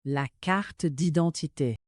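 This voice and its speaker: A woman reads single vocabulary words one by one, pausing between them. Her voice sits low and her delivery is unhurried. The recording is dry and close. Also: a little mellow, no echo. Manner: pronounces single words slowly and carefully. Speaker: vocabulary reader. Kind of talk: slow vocabulary reading.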